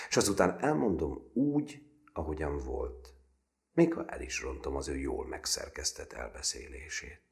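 A man narrating a literary novel as an audiobook, measured and expressive. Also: extremely low pitch. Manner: measured and expressive, voices characters.

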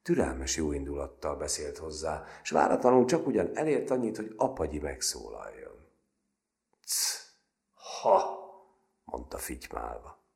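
A man reading a novel aloud as narrator, in a measured, expressive storytelling manner. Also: very deep voice, vocal fry.

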